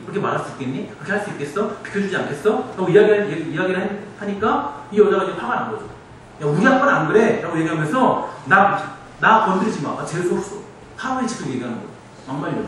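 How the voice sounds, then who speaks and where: A man preaching a sermon in earnest, lively style, asking the congregation many rhetorical questions. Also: sits high. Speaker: pastor. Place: church sanctuary. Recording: echoey hall, distant mic, faint noise.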